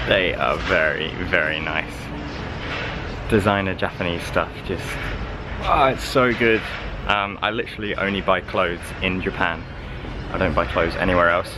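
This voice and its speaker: A young man in his twenties, chatting upbeat and playful to a handheld camera while walking around a city. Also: low voice. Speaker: travel vlogger. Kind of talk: casual vlog narration. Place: outdoors on city streets and in shops. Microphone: handheld camera at arm's length. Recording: loud street noise behind.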